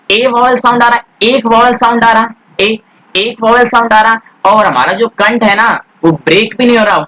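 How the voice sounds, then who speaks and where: A man teaching English grammar, speaking Hindi mixed with English words in an Indian accent. He asks questions and then answers them himself, and he draws out the English words slowly. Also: high-pitched, sharp tone, poor audio. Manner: addresses students as "beta", asks and answers his own questions. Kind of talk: classroom grammar lesson.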